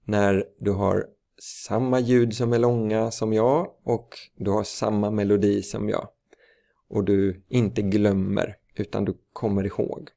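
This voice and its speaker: Slow-talking gravelly man teacher. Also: fairly low pitch, level tone, dark tone. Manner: slow, careful, with filler sounds. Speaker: language teacher. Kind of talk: slow instructional explanation.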